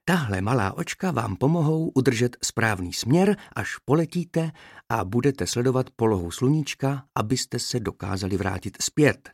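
A man voicing Boženka, a patient female nurse bee who trains the young bees, speaking in a gentle, coaxing, instructive way. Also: mid-range voice, lively intonation, vocal fry, husky, no room sound, clean studio sound.

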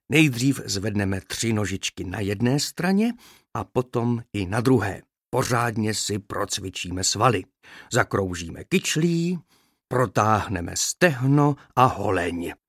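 A man voicing Boženka, a patient female nurse bee who trains the young bees, speaking in a gentle, coaxing, instructive way. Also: on the low side, expressive, no echo, clean studio sound.

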